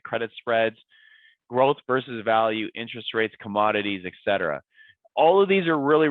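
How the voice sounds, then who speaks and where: Hoarse raspy man giving a market update. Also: medium pitch, no echo. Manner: emphatic, lists points and repeats key words. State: hoarse from a cold. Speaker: investment adviser presenting a weekly market update. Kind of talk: scripted-feeling market commentary presentation. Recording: dry, tinny phone-like sound.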